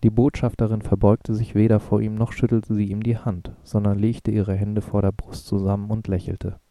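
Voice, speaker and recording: Deep, dark-voiced male audiobook narrator. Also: flat delivery, normal speed, dry recording.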